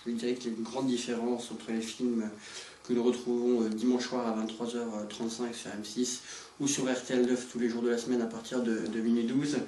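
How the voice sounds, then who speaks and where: A man playing a pompous, self-satisfied intellectual film director in a parody interview, rambling with hesitant pauses and mock modesty. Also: medium pitch, little pitch movement, mellow, recorded from a distance, slight background noise, close to an everyday voice. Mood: defensive, lofty. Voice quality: hesitant, filler-laden delivery. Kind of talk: parody interview, improvised-sounding. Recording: roomy echo, music behind.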